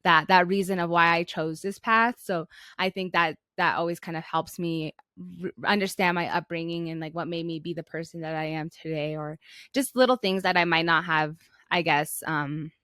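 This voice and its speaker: Young American woman, lowish voice, reflective chat. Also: fairly even intonation, normal speed, pushed and bright, clean tone, no echo, studio quality. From Flagstaff, Arizona, United States. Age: young adult. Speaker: podcast co-host.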